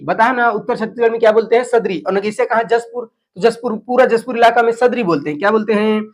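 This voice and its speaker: A man teaching an exam class, asking questions and answering them himself, with local phrases mixed in. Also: high voice. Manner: slips into Chhattisgarhi phrases. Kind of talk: lecture drilling exam facts.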